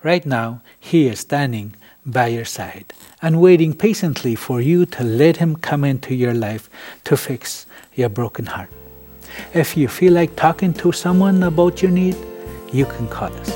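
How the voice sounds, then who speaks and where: Gentle man hosting a ministry program. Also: a little high, measured pace, faint music behind. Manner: calm, gentle, earnest direct address. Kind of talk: gentle ministry address to viewers.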